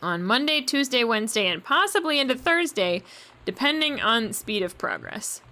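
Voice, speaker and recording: Young woman streamer riffing on a game, bright voice, jokey n giggly. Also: a little high, very animated, moderate pace. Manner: joking, giggly, swears casually. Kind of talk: casual gameplay commentary.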